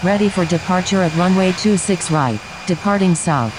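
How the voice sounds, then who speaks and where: A woman's voice: fairly low pitch, normal speed. A woman pilot on a cockpit headset, making clipped, formulaic radio calls to the tower. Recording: loud aircraft engine noise behind.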